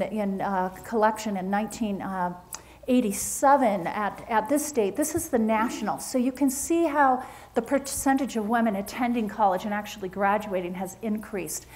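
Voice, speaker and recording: A woman presenting research at a forum, talking through slides in an animated, emphatic way with frequent restarts. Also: fairly high pitch. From Utah.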